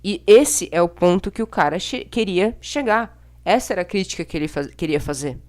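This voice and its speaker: Casting: young Brazilian woman, low-pitched voice, blunt and exasperated vlogger with casual slangy delivery. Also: expressive, a little fast, a little mellow. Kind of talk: casual opinionated monologue to camera.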